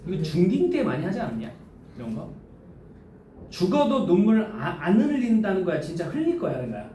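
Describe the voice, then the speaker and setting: A male high school teacher giving a classroom lecture, throwing quick questions at students in casual speech. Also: wildly swooping pitch, mellow. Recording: echoey classroom from a distance with faint noise.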